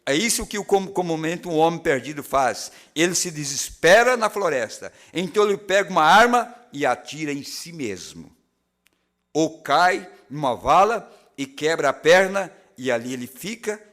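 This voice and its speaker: A man with a Brazilian Portuguese accent, preaching a sermon in a church, who moves between loud preaching and hushed, low retelling. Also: sing-song, moderate pace. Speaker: pastor. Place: church tabernacle.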